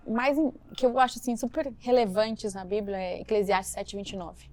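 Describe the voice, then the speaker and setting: A woman from Brazil, a missionary guest on a podcast, telling her story lively and acting out the dialogue. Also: medium pitch, moderate pace. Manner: animated storytelling, acts out quoted dialogue. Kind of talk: storytelling interview.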